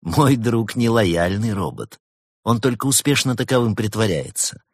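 A man voicing a secretive, amused male adventurer in a storybook reading, in a lightly raised, lively voice. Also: lowish voice, normal speed, breathy edge, dry recording, studio quality, voice pushed up. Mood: amused, explaining.

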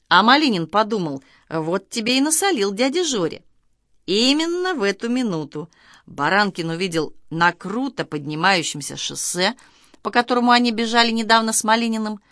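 A woman narrating a children's story aloud, reading in a lively, expressive way. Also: mid-range voice, dry recording, studio quality.

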